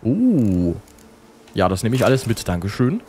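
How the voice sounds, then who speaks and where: A man's voice: on the low side, huge pitch swings, unhurried, mellow, a little hiss or hum. A man giving casual, joking gameplay commentary and reading game text aloud. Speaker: let's play host.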